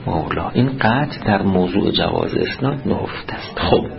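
Low-voiced man giving a seminary lecture. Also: expressive, gravelly, muffled recording. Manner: reads Arabic text then explains it in Persian, quizzing students. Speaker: seminary teacher. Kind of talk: classroom lecture on jurisprudence.

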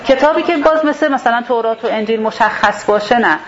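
Woman, religious class teacher, explains step by step, slightly high voice, muffled recording. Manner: explains step by step, rephrasing terms. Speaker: Quran teacher. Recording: dull lo-fi sound with faint hiss.

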